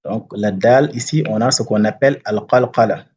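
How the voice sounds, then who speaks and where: A man teaching Quran recitation rules step by step, patiently checking that learners follow and chanting the verses slowly. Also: on the low side, darkish tone, highs cut off, a little hiss or hum. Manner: patient, repeats and checks understanding; slow drawn-out recitation of verses. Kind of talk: step-by-step tajweed lesson.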